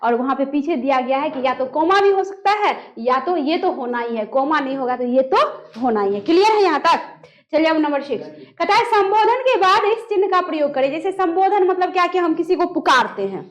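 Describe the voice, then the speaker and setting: Female teacher, very high voice; quizzes students and reads out example sentences with pauses. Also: expressive. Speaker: Hindi grammar teacher. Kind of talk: classroom lesson.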